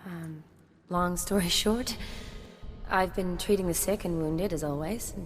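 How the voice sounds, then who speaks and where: [name], an actress playing an earnest young medic. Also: female voice, on the low side, unhurried, long reverb tail, faint music behind, natural voice. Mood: warm, tired. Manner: urgent, earnest.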